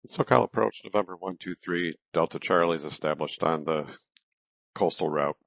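Very deep male pilot on headset radio. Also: normal speed, creaky, fairly bright tone, no echo. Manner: clipped, standard aviation phraseology with readbacks. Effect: cockpit headset radio transmission. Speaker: private pilot. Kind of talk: radio calls to air traffic control. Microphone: headset microphone. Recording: dull, lo-fi, dry radio audio.

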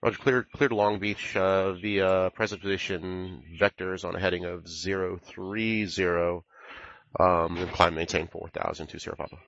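A man's voice: low-pitched, steady tone, moderate pace, vocal fry, a bit bright. A man making clipped pilot radio calls over a cockpit-style headset in a flight simulation. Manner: clipped aviation phraseology. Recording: dull, band-limited radio audio.

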